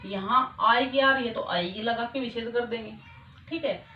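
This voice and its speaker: A woman's voice: on the high side, moderate pace. A young woman teaching a grammar lesson, patiently repeating each point and checking that her students follow. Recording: echoey room, dull lo-fi sound, faint noise.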